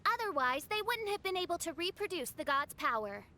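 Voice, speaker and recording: An actress voicing a theatrical, grandiose young princess type. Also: female voice, very high-pitched, sing-song, brisk, sharp tone, a little hiss or hum, exaggerated voice.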